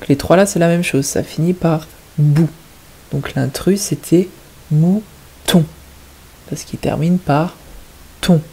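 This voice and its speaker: A woman's voice: sits low, gravelly, mellow, slightly rough, rough recording. A woman teaching kindergarten children, patiently stressing each word and syllable. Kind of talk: teaching young children at home.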